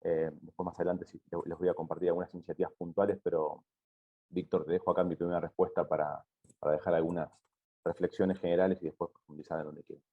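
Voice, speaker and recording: A man speaking as an industry panelist, explaining his points at a conference in a husky voice. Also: sits low, level tone, quick pace. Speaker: steel industry representative, panelist. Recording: dull, lo-fi sound.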